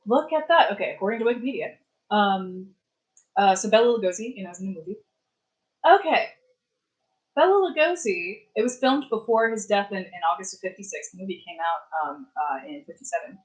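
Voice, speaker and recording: A young adult woman talks casually on a home live stream, rambling from thought to thought. Her speech is full of fillers, false starts and trailing asides. Her voice sits at a middling pitch for a woman. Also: expressive, a little fast, low-quality recording. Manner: chatty, rambling, many fillers and restarts. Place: warm apartment.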